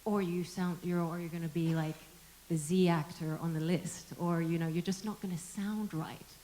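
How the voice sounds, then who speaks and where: A woman's voice: lowish voice, steady tone, moderate pace, dark tone, poor audio. A woman, an actor, speaking on a discussion panel, reflective and searching for her words as she goes.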